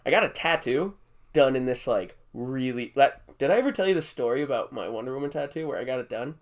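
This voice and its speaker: A young podcast host rambles through jokey stories in a casual chat, laughing often. He speaks with a medium-pitched voice at a quick pace.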